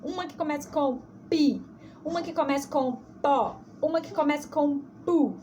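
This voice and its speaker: A high-pitched woman with a Brazilian Portuguese accent teaches small children in a recorded video lesson. She talks slowly and patiently, stretching syllables in a sing-song way. A faint hiss sits under her voice. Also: warm tone. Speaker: preschool teacher.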